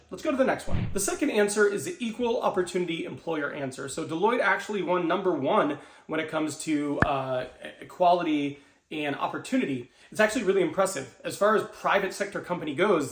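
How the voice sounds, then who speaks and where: A man's voice: on the high side, lively intonation, fast, slight background noise. Man, career coach, upbeat, conversational, fillers, echoey room. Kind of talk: instructional talk to camera.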